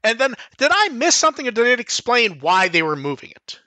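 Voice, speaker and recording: Bright, high-voiced man recapping an episode. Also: sing-song, dry recording. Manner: recaps plot quickly, acting out characters' lines sarcastically. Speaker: podcast co-host. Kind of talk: casual episode recap discussion.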